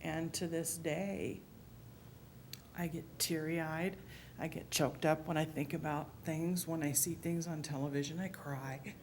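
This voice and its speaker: A middle-aged woman in the audience at a public talk in a library meeting room shares personal memories. Her voice is unhurried, low and even, yet earnest and full of emotion, with slight background noise.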